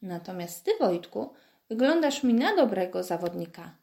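A woman voicing a calm, friendly bearded man, an athlete in a wheelchair, in a storybook reading, speaking patiently and with good humour. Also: mid-range voice, moderate pace, gravelly.

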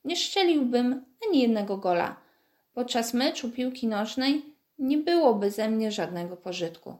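A woman voicing a calm, friendly bearded man, an athlete in a wheelchair, in a storybook reading, speaking patiently and with good humour. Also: fairly high pitch, normal speed, close to an everyday voice.

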